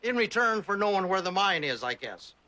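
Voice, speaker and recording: A high, bright voice belongs to this old prospector of a TV western. He is wary and sardonic, with folksy frontier talk and a dry, suspicious way of putting things. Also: very animated, a little fast, exaggerated voice. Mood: wry, suspicious. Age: older. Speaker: actor in a TV western. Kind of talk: TV western drama acting.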